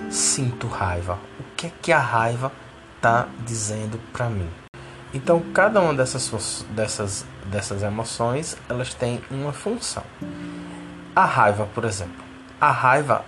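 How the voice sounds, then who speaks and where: A man explaining a lesson step by step, repeating key words and checking in with the listener. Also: medium pitch. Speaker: teacher of a spiritual course. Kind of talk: didactic explanation.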